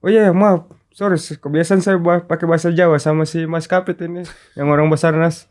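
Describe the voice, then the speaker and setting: A man with a slightly high voice, chatting casually in an interview. He tells a story and acts out each line of dialogue as he quotes it. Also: fairly even intonation, a little fast, a little mellow. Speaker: rescue volunteer guest.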